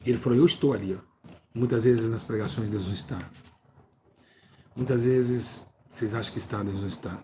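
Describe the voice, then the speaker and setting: A man's voice: mid-range voice, steady tone, a little fast, a little hiss or hum. A preacher, a man, talking to his viewers and calling out over a church video he plays. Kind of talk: religious teaching video. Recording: loud music behind voice.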